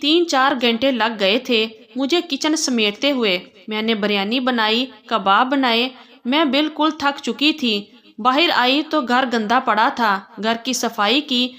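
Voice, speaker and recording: A woman telling a first-person story in a steady, plain storytelling way. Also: fairly high pitch.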